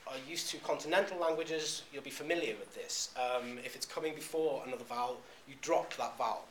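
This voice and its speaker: A man giving a classroom lecture, talking in a halting way with frequent "um"s and restarts. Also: mid-range voice, fairly bright tone, slight background noise. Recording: echoey room recording.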